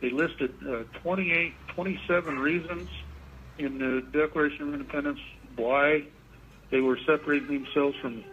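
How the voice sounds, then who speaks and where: A man speaking as an inmate guest on a payphone call, talking politics informally in a halting way and repeating his words. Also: on the high side, fairly even intonation. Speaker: interview guest, prison inmate calling in. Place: prison phone. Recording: muffled, noisy payphone line.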